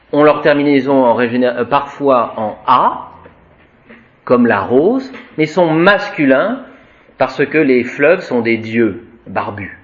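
Male teacher, slow deliberate lesson delivery, dull recording. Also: mid-range voice. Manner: slow, lively, drawn-out recitation of word forms. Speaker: Latin teacher. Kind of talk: classroom lesson.

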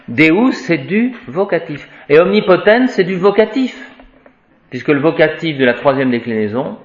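In a slightly high voice full of big pitch swings, a male teacher walks his class through Latin grammar word by word, deliberately chanting the declensions at a slow pace. The audio is lo-fi and dull, captured in a room with echo.

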